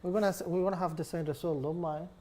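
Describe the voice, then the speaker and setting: A man with a high but dark, mellow voice, speaking halting English. He often stops to ask for words to be repeated as he chats casually about football. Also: steady tone. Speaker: guest panelist.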